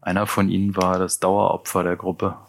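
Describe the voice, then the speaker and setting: Low-voiced man reading an audiobook. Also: monotone, normal speed, gravelly, slight background noise. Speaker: audiobook narrator. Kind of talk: scripted narration.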